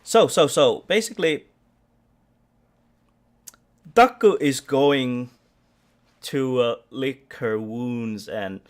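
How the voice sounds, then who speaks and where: A man's voice: medium pitch, drawn-out words, pauses often. A man acting as game master, narrating a tabletop role-playing game in a rambling way with many restarts. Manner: rambling, with frequent restarts and fillers.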